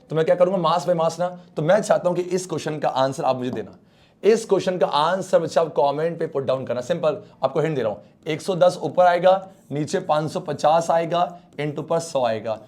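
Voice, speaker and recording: A male science teacher with a slightly high voice runs an online lesson. He talks in a brisk, coaxing way and keeps pressing his students to answer fast. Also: darkish tone.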